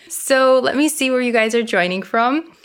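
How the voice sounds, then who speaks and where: This Canadian woman in her thirties has a slight Ukrainian accent and a high, animated voice, though she never rushes. She hosts a casual live stream about skin health, chatting in a bubbly, giggly way.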